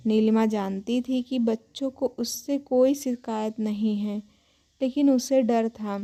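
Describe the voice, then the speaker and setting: A woman's voice: fairly high pitch, warm tone. A woman reading a scripted, emotional family story as a storyteller.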